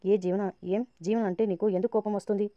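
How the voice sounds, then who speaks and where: Stern mother-in-law, scolding, quick, dark voice, as a woman reads her. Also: medium pitch, fairly even intonation, no room sound, muffled recording, close to an everyday voice.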